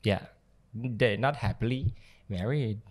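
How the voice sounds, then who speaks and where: A man's voice: on the low side, takes it slowly. A man, a podcast guest, chatting casually and reflectively, often mixing English phrases into his talk with many hesitations. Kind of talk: casual chat.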